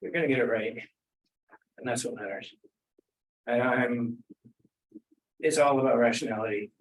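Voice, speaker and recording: A man's voice: medium pitch, normal speed, rough recording. Man giving an academic talk. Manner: thinking aloud with restarts. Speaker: speaker.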